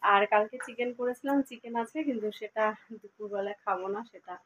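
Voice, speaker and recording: A woman's voice: medium pitch, steady tone, quick pace, fairly bright tone, a little hiss or hum, poor audio. A middle-aged woman chatting casually to her viewers while cooking at home, filmed on her phone, now and then breaking off to coax her dog. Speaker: home vlogger. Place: room at home. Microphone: phone camera.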